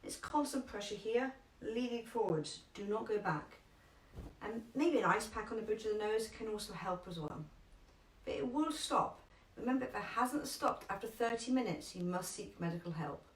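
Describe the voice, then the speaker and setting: A woman's voice: mid-range voice, animated. Chatty first aid teacher woman, echoey room. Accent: London English. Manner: chatty, emphatic, repeats key instructions slowly. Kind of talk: live online first aid class. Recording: echoey room, distant from mic.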